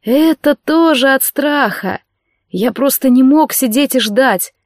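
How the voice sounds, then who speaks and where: A woman's voice: high voice, takes it slowly, dry recording, pitched above the performer's own voice. A woman voicing an anxious, self-pitying young nobleman who pleads and breaks into bitter outcries, in a dry audiobook reading. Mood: despairing. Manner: pleading, tearful, bursts into outcries.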